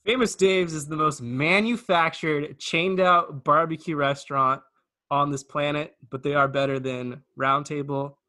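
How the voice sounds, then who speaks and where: A man's voice: fairly high pitch, steady tone, measured pace, bright, forceful tone. A man hosting a casual podcast, announcing matchups and giving blunt opinions. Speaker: podcast host running the bracket.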